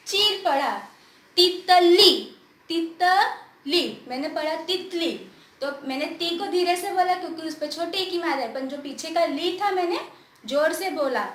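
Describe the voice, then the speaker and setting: A woman teaching a grammar lesson to children, asking questions and answering them herself, drawing words out slowly to show how they sound. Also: sits high, echoey room, slight background noise.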